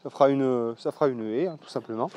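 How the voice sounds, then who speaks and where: A man's voice: medium pitch, fast talker, a little mellow, a little hiss or hum. A man giving a casual, salty walk-and-talk vlog outdoors on rural land, talking loosely with many fillers and some swearing, into a mic with a foam windscreen. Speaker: vlogger showing his land.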